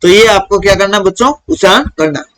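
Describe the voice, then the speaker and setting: A man's voice: sits high, brisk, a bit bright, rough recording. A man teaching a primary school lesson to children, who asks questions and answers them himself.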